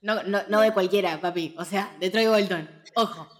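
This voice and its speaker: A woman's voice: mid-range voice, normal speed. A woman in her twenties with a Rioplatense Spanish accent, co-hosting a film podcast and telling stories in casual, slangy chat. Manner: animated storytelling with laughter, slangy. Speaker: podcast co-host.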